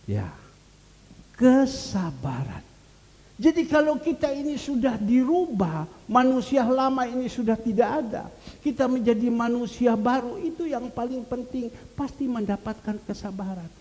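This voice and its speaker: A man's voice: very high voice, normal speed, darkish tone. A middle-aged man preaching a sermon as a pastor. He tells stories and earnestly repeats key phrases for emphasis. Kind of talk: sermon with storytelling. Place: large church hall. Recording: reverberant hall with faint hiss.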